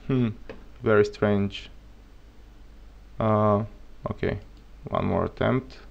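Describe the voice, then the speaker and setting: A native Bulgarian speaker with a Bulgarian accent teaches programming on a live coding stream, thinking aloud and joking easily into a desk mic at his computer. His voice is lowish, slow and creaky, and the recording sounds muffled.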